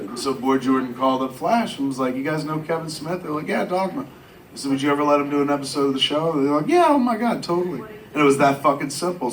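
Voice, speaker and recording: A man's voice: fairly bright tone, a little hiss or hum. Profane man telling a story at a live Q&A. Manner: swears constantly, jumps to high voices quoting others. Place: live Q&A event in a venue. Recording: roomy venue sound from a distant mic. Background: faint audience laughter and ambience.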